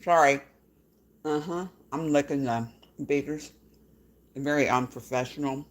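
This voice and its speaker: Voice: medium pitch, measured pace. A home cooking vlogger, chatting folksily and directly to viewers while demonstrating a recipe.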